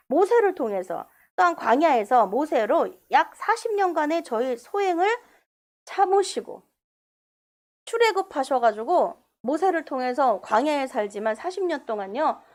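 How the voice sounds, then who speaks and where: Woman pastor, high and very expressive, preaching in a church, loud bursts and hushed asides. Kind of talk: sermon. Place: church sanctuary.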